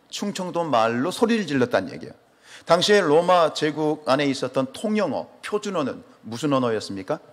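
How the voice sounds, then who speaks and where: A man's voice: fairly high pitch, in a large hall. A man from Chungcheong preaching a sermon as pastor, asking the congregation questions and answering them himself. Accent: Chungcheong Korean. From Chungcheong, South Korea. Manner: animated, asks the congregation questions. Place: church sanctuary.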